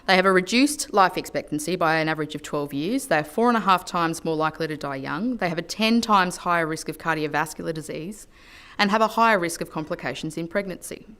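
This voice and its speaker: An Australian woman politician delivering a formal parliamentary speech in an earnest, measured way at a lectern microphone in a legislative chamber. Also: on the low side, fairly bright tone, clear, resonant tone.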